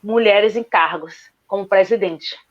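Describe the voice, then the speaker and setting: A woman from Salvador, Bahia, Brazil, speaks with a Bahian Portuguese accent as a guest lawyer answering questions on an online panel. Her medium-pitched voice moves at a measured pace, earnest and argumentative, and she keeps repeating "justamente." The audio is lo-fi.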